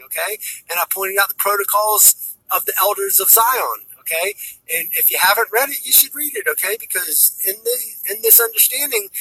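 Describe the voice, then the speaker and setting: A man's voice: high-pitched, vocal fry, bright, forceful tone, breathy edge, no echo, low-quality recording. A man giving a rambling spiritual monologue, tagging "okay?" onto nearly every phrase and often repeating and restarting his words. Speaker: spiritual speaker.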